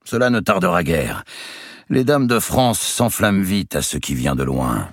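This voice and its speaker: A man voicing a boisterous giant nobleman, loud, mocking and theatrical, in an audiobook reading. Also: low voice, sing-song, unhurried, dry recording, clean studio sound, pitched above the performer's own voice, heavily acted. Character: boisterous giant male nobleman, swaggering and sly. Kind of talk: audiobook character voice.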